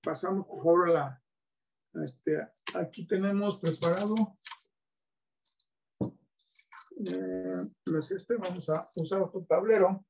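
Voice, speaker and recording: Mexican man, high-pitched, patient teacher showing classroom materials. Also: takes it slowly, gravelly, pauses often, darkish tone, slight background noise. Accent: Mexican Spanish. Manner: patient, asks many rhetorical checks. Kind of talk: classroom-style demonstration.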